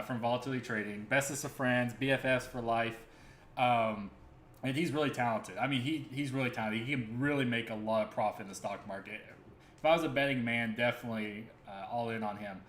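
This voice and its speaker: A man's voice: medium pitch, a little fast, fairly bright tone. An earnest man rambles through casual livestream talk, circling back with fillers and self-corrections. His mid-range voice rings in an echoey room with a faint ambient hum beneath. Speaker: crypto stream host.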